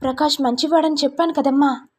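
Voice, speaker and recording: A woman's voice: high-pitched, fairly even intonation, fast, pitched above the performer's own voice, close to an everyday voice. Woman doing a timid naive young daughter. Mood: hesitant. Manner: hesitant, pleading, ends lines with "amma".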